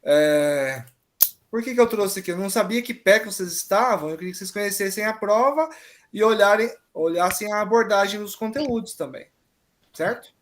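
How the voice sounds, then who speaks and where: A male teacher walks students through grammar points in an online exam-prep class. He is patient and explanatory, and he keeps pausing to check that everyone follows. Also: sits high, a bit bright, slight background noise.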